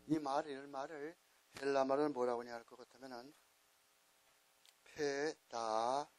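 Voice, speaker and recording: A man's voice: medium pitch, steady tone, quick pace, darkish tone, poor audio. A man lecturing a class as a Bible teacher, patiently spelling things out and repeating key words. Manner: repetitive, coaxing teacher spelling out letters. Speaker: Bible teacher at a missionary training school.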